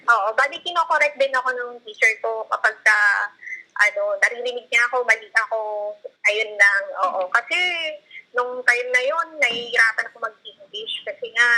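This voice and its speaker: A woman in her thirties from the Philippines chats casually about her past tutoring work. Her voice is very bright and sits a little high, and she talks hesitantly, reaching for words with many fillers and short laughs. The sound comes through thin, like a phone line. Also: normal speed. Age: 30s. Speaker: guest, former tutor. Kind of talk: casual conversation.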